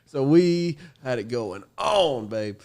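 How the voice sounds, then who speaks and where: Brief: man, mid-pitched, loose and profane podcast storyteller. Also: slow pace, gravelly. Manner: animated, swearing, laughing storyteller. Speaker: podcast guest.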